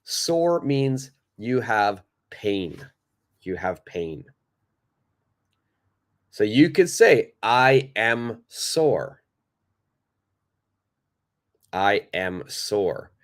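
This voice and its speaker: Very animated, a man with a lowish voice teaches English in a live online class. His nose is blocked, and he speaks with slow deliberation, saying important words more than once for his students.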